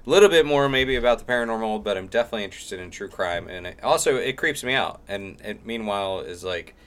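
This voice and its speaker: A man's voice: lowish voice, animated, quick pace, a bit bright. A middle-aged man hosting a podcast in a rambling, self-deprecating, casual way. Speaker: podcast host. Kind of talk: casual chat.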